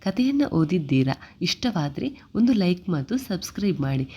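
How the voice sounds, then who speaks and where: A woman in her thirties narrating a first-person story in a calm, steady scripted reading. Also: lowish voice, normal speed, breathy edge. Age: 30s. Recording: slightly muffled recording.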